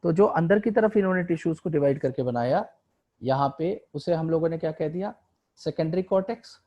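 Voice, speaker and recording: A man's voice: a little high, brisk, dark tone. A man teaching a biology lesson over a diagram, asking his students questions and answering them himself, with English terms mixed into his Hindi. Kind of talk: online lecture explaining a diagram.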